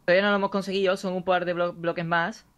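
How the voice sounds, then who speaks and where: Young gamer, high bright voice. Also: male voice, fast, a little hiss or hum. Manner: relaxed, short replies, playful outro. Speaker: gaming co-host. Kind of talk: casual Minecraft let's play chat.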